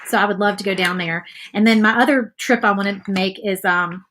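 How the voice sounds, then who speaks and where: Her medium-pitched voice is steady, a little fast and fairly bright, with slight hiss or hum on the recording from a nearby phone or camera. She's a chatty, friendly Virginia craft vlogger in her thirties with a light Southern accent, thinking aloud as she paints and reads live comments.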